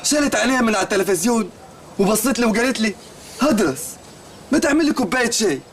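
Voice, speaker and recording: Speaking very fast in a high-pitched, expressive voice, a male actor portrays an earnest, naive shopkeeper with an Egyptian accent in a film comedy. His stories wander and take everything literally, and a little hiss or hum sits under the recording.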